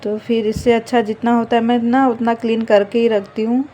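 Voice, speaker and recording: A young woman talks her way through her household chores in a chatty, rambling vlog. Her voice sits fairly high and keeps a flat, even melody. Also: fairly quick. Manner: chatty, rambling, fillers of "matlab". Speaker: vlogger, mother. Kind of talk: casual home vlog narration.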